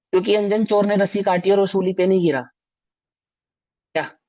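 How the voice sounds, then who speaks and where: A man's voice: high voice, a little mellow. Emphatic male scripture teacher, lo-fi. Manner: emphatic, rhetorical questions to listeners. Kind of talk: religious discourse lecture. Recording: dull lo-fi recording.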